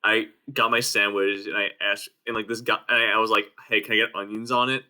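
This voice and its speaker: A man's voice: on the low side, level tone, fairly quick, bright, forceful tone. A man co-hosting a podcast, trading joking, sarcastic banter. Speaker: podcast co-host. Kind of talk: casual chat.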